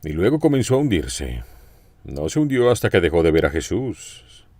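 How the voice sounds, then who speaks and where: A man with a low, deep voice preaches a sermon, his pitch rising and falling widely as he tells the story. He speaks with expression and turns often to ask his listeners direct questions. The recording is dry, with no room sound. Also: sing-song, moderate pace, warm tone, no echo.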